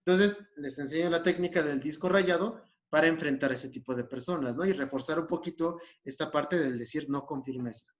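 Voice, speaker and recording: A man's voice: a little high, a little fast, hardly any pauses. A man with a Mexican accent explaining a therapy technique in a recorded lesson, often checking in with his listeners. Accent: Mexican Spanish. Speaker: psychologist. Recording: dull lo-fi recording.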